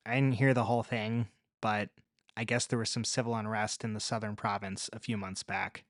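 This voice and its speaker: A man voicing a calm, resourceful young woman survivor, speaking low and matter-of-fact. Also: moderate pace, dry recording, studio quality, close to an everyday voice. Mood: guarded.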